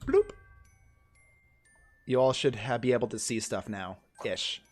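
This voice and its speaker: A man's voice: mid-range voice, measured pace, faint music behind. A man narrating a tabletop game as game master on a stream, describing scenes in a loose, rambling way with many fillers.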